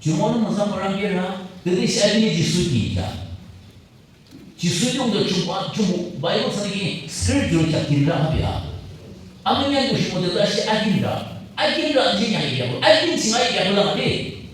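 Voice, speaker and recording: Rapid-fire pastor at a pulpit microphone. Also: male voice, high-pitched, a little hiss or hum. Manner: animated preaching, mixing English terms into the local language. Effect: preaching over a pulpit microphone through the church loudspeakers. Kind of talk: sermon. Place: church sanctuary. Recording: very echoey church hall, voice from a distance.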